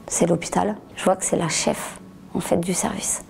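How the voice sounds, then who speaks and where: An author in middle age gives a personal testimony during an interview, her low, level voice gravelly with a dark, mellow tone. She speaks haltingly, restarting words and at times dropping nearly to a whisper. There's a little hiss or hum in the background.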